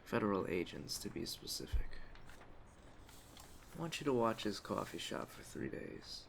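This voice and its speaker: This very animated take has a man playing a polite, measured crime Don, his very low voice heavy with gravelly creak and laced with quiet menace. He talks directly to the listener as part of an ASMR roleplay, staying calm throughout. Faint storm ambience and a slight hiss or hum run underneath.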